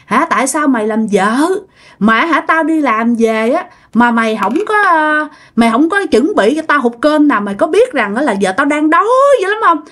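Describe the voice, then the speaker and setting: A woman voicing an abusive, hot-tempered working man who shouts coarse accusations at his wife. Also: very high-pitched, expressive, normal speed, pitched above the performer's own voice. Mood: angry scolding.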